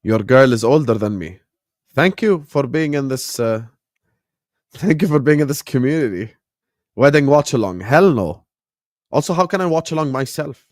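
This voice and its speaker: Man, late twenties, streamer host, casual slangy chat, middle pitch, dry close sound. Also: animated, normal speed, long pauses, darkish tone, no echo. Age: late 20s. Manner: slangy and laid-back, chuckles often, answers viewers directly. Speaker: live-stream watchalong host. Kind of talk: casual chat, reacting to a match and reading chat.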